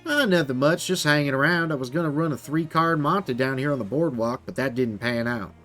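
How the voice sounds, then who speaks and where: A man's voice: mid-range voice, a little fast, a bit bright, soft background music, close to an everyday voice. A man doing a laid-back hobo woman. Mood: easygoing. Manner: laid-back folksy drawl. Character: folksy easygoing female hobo drifter.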